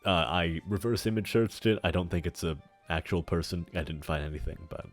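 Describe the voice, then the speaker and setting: A man's voice: deep voice, a little fast, soft background music. A man narrating his own prank in casual explanatory commentary, with informal, hesitant asides.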